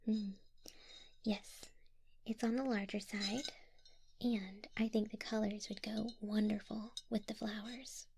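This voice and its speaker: A woman voicing a gentle female Leafeon who runs a flower shop, speaking in a soft, soothing whisper for an ASMR roleplay. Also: medium pitch, flat delivery, creaky, noisy background. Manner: soothing, unhurried shopkeeper talk. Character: gentle female Leafeon florist, calm and helpful.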